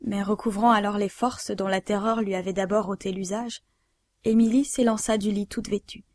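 A woman narrating a novel aloud in a measured, even way. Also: medium pitch, vocal fry, no echo. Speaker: audiobook narrator.

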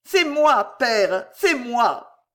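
A reader voicing a gentle, timid young girl who cries out high and tearfully. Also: big pitch swings, very slow. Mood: tearful joy.

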